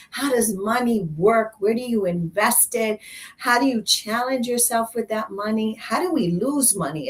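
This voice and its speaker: A woman's voice: on the high side, distant mic. Playful bilingual woman talk show host. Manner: switches between Spanish and English, playful and emphatic.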